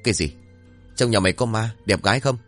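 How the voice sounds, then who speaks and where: A man voicing a greedy, lazy old village exorcist who scolds gruffly. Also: on the low side, fast, faint music behind, close to an everyday voice.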